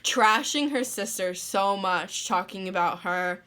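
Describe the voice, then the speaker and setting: A young woman from the northeastern US rambling through a story in a casual vlog, full of "like" and quick laughs. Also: mid-range voice, a bit bright. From northeastern United States. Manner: rambling, lots of "like", laughs mid-sentence. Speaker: vlogger.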